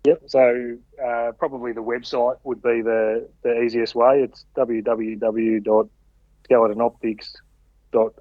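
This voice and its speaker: A man's voice: medium pitch, little pitch movement, a little slow, dry recording. A man chatting casually as a podcast guest, laid-back and colloquial with brief answers. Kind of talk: casual interview chat. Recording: slightly dull, dry radio-like audio.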